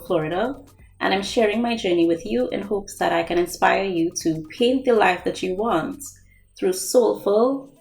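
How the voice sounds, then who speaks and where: A young woman from Trinidad and Tobago, an artist who hosts her own vlog, talks earnestly and directly to her viewers on camera. Her voice is fairly low, and the audio quality is poor.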